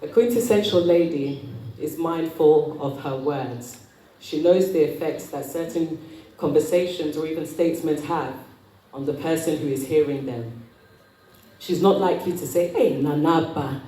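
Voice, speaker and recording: A woman giving a motivational talk as an etiquette coach, with prim, precise enunciation and a measured, polite manner. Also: sits low, warm tone. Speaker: etiquette coach speaking at an event. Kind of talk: motivational talk to a live audience. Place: indoor event room with audience. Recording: roomy, distant mic, noisy hall.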